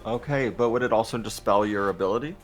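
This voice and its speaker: A man's voice: on the low side, quick pace, soft background music. A man co-casting a card game final, adding short remarks and questions next to the main caster. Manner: agreeable, short affirmations. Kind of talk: color commentary.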